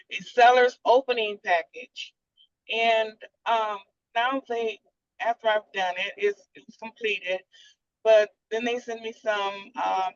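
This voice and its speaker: A woman from Michigan calling in on a car speakerphone while driving. She asks her question haltingly as she searches for words. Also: medium pitch, dry recording. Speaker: caller. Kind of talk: casual question to a panel. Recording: dull, lo-fi phone line from a car.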